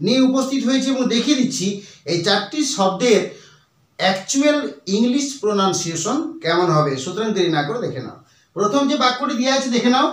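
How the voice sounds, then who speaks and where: High-voiced man teaching in an echoey room. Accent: Bengali. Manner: slow, spells out letters one by one. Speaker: English teacher. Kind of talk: pronunciation lesson. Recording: echoey room, far from mic.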